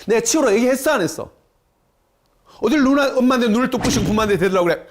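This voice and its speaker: A man lecturing who acts out a nagging mother scolding her child with a rapid string of short commands. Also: very high-pitched, expressive, a little hiss or hum, voice pushed up.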